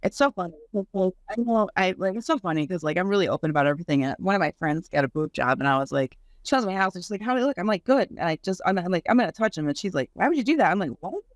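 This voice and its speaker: A woman's voice: fairly low pitch, very fast, hardly any pauses, dry recording, studio quality. A woman hosting a podcast, chatting in an open, laid-back way and swearing casually. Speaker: podcast host. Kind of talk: casual chat.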